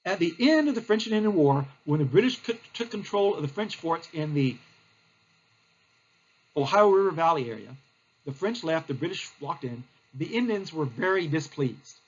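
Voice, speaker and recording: A man's voice: a little high, big pitch swings, moderate pace, husky, lo-fi sound. A male teacher, giving a recorded history lecture in a plain, explanatory way with frequent fillers.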